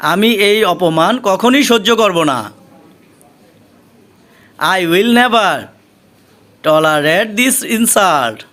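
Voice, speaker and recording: Man, Bengali accent, high voice, extremely slow deliberate phrase drills, repeats each line twice. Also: expressive, fairly bright tone. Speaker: English teacher.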